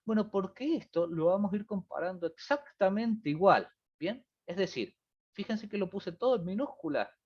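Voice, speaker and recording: Over a video call, a man teaches an online programming review class at a moderate pace, his lively pitch rising and falling a lot. He explains patiently, keeps checking that students follow, and repeats "fíjense" and "¿bien?", though the audio is muffled and lo-fi.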